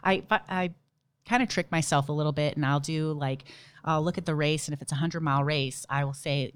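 A woman's voice: low-pitched, fairly even intonation, fairly quick, clean tone, no echo. Chatty woman with a dry, close sound. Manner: chatty storyteller, laughs often, many "like" and "you know". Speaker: ultramarathon runner and nurse guest. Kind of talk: casual podcast interview.

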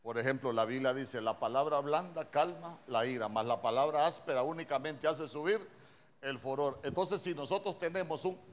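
A man's voice: mid-range voice, moderate pace. A male preacher with a Honduran accent, giving a conversational sermon and often asking his congregation questions. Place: church.

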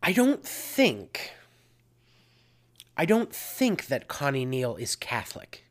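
Casting: earnest, unhurried faith talk host with a lively, rising and falling delivery. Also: medium pitch. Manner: slow, earnest, repeats key phrases. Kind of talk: spoken spiritual reflection.

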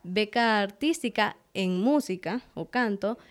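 A woman's voice: mid-range voice, a little slow. A young adult woman, a guest artist, telling her story in a casual interview and acting out her past words. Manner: animated, acts out her own past words.

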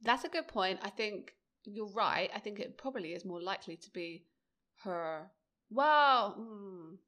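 Casting note: easygoing woman podcast co-host, relaxed casual recap, middle-pitched voice. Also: a little slow. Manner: easygoing, laughs often, many fillers. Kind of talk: casual chat recapping a TV episode.

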